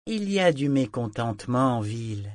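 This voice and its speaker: A man's voice: mid-range voice, sing-song, moderate pace, dry recording, studio quality, natural voice. A man voicing a scheming male dealer who pushes hard to sell a ship, talking in a raised, eager, persuasive voice.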